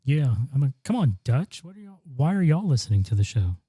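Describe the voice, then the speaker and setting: Chatting casually as a podcast co-host, this man rambles with many ums and false starts into a broadcast dynamic studio mic. His medium-pitched voice is mellow and slightly rough, swinging widely in pitch at a fairly quick pace, with no echo.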